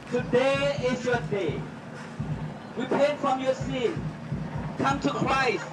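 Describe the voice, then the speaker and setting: High-pitched male doomsday street preacher. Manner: loud, exhorting, repetitive warnings of judgment. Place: outdoors at a flea market. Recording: distant, echoey, noisy outdoor recording.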